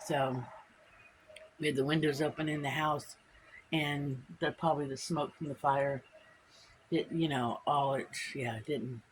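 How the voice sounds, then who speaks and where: The audio is poor, with a faint hiss or hum, as a woman vlogger speaks to camera outdoors near birds and insects. Her low, steady voice is unhurried and often pauses, blocked up by allergies, and her talk rambles and repeats.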